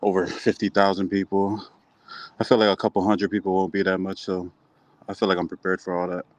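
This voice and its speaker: Young male athlete in an interview: low, even voice, nonchalant and understated, dry close sound. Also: fairly quick, dry recording. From Hawaii. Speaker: slap fighting athlete being interviewed. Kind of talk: casual interview answers.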